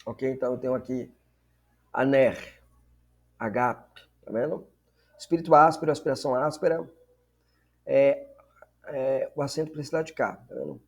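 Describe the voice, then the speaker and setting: A Greek teacher gives a recorded lesson in a mid-range voice at a moderate pace, pausing often. He explains things step by step, repeating words and checking in with "né?" and "tá vendo?" again and again.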